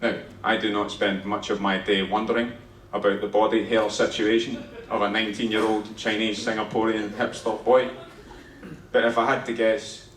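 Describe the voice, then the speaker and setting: A Scottish man in his thirties works through a live stand-up set, conversational and punchy, with plenty of swearing. He sounds a little distant from the mic, and the theatre rings with echo. Audience noise sits clearly underneath him. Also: on the low side, little pitch movement, moderate pace. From Scotland. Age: 30s. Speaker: stand-up comedian. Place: theatre stage before a laughing audience.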